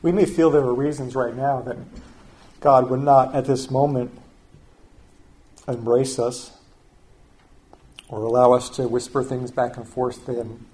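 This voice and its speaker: An older man preaching a sermon as pastor, telling a family story in a conversational way and often dropping to a soft, quiet voice. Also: medium pitch, steady tone, unhurried, long pauses.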